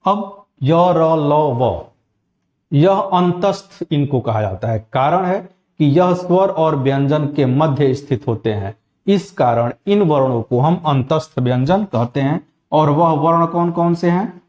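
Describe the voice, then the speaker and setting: A man giving a spoken grammar lesson, slowly and methodically spelling out sounds one at a time. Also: a little high, expressive, darkish tone. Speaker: Hindi teacher.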